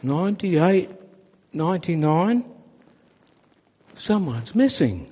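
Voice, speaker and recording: A weary, patient shepherd, voiced by a male storyteller, speaking slowly and calmly. His voice rises and falls gently, and a long reverb trails behind it. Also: fairly high pitch, breathy edge, heavily acted. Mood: concerned.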